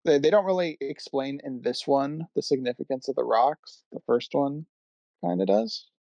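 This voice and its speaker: A man's voice: a little high, moderate pace, gravelly, warm tone, no room sound, low-quality recording. A man co-hosting a film podcast, talking in an offhand way and trailing off when he loses his point. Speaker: podcast co-host. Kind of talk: casual chat.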